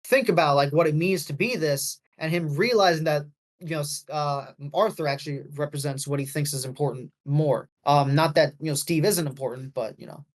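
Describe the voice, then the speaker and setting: A man's voice: fairly high pitch, fairly quick. A man co-hosting a podcast, chatting casually about a movie, rambling with lots of fillers and restarts. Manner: rambling, heavy on fillers, self-correcting. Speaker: podcast co-host.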